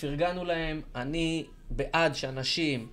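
A podcast co-host in a casual chat, this man steers the conversation and builds his points step by step. His voice is on the high side with a fairly bright tone.

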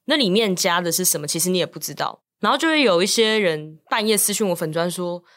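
A woman's voice: fairly low pitch, expressive, quick pace, a bit bright. A woman with a Taiwanese Mandarin accent hosting a podcast as a lawyer, earnestly urging her listeners. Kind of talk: casual podcast interview.

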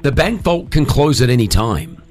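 A man hosting a breakfast radio show, energetic and joking as he runs a call-in game. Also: medium pitch. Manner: energetic, joking, quick restarts. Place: radio studio. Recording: music bed under the voice.

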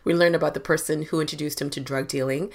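Low-voiced chatty woman co-host. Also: steady tone, fast talker. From Canada. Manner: chatty, laughs often. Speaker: podcast co-host. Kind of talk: casual podcast chat.

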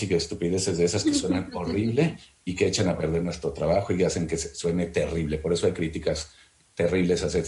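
A Mexican voice actor on a panel, talking emphatically and with firm opinions. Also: male voice, sits low, darkish tone. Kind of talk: panel talk. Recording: roomy virtual panel audio.

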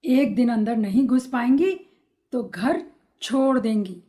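A woman's voice: on the high side, animated, measured pace, mellow. A woman voicing an irritable, stubborn middle-aged father who barks orders, in a read-aloud story. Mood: commanding. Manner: gruff, commanding.

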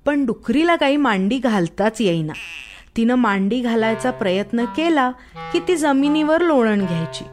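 Woman, storyteller, children's story, slow, expressive, faint background music. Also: a little high.

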